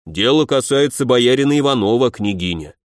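A middle-aged nobleman, voiced by a male narrator, lays out an accusation in a measured, formal way. His pitch stays lively. The sound is dry and close. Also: no room sound, close to an everyday voice.

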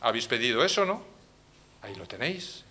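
A man with a Spain Spanish accent preaching a sermon as pastor, dramatic and swinging between hushed lines and loud outbursts. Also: mid-range voice, big pitch swings, brisk.

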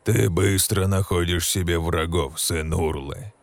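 A man voicing a stern aged orc shaman who speaks in slow, ceremonial pronouncements. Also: sits low, steady tone, vocal fry, in a large hall, voice pushed down.

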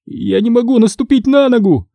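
A man's voice: high voice, big pitch swings, takes it slowly, no echo, lo-fi sound, voice pushed up, heavily acted. A man voicing a panicky, injured teenage boy in a horror audiobook. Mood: panicked.

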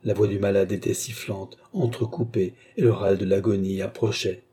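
A man narrating a classic novel as an audiobook, measured and dramatic. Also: fairly low pitch, fairly even intonation, mellow, husky.

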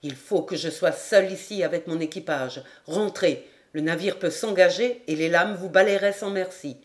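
A man's voice: high voice, normal speed, natural voice. A woman reading the part of a firm, commanding young male ship captain in an audiobook.

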